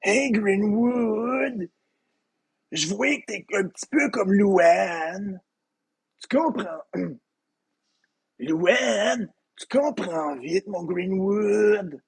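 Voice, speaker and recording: A man doing a gravelly, high-voiced bumbling cartoon dad. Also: full character voice. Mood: lecturing. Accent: Québécois French. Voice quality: gravelly, very husky, high and swooping. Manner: slow, rambling fatherly lecturing. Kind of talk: comedic impression.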